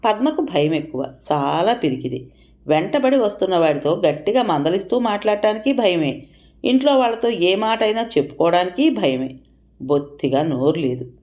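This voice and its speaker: A woman reads a story aloud as an audiobook narrator. Her voice is low-pitched and she tells it expressively, lifting her tone for quoted speech. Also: very animated, normal speed, dark tone.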